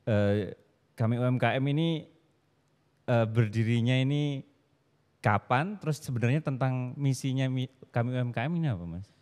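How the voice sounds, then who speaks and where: A man's voice: medium pitch, normal speed, darkish tone, big-room sound. A man hosting a podcast, asking questions hesitantly with many fillers. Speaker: podcast host. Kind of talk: casual interview questions.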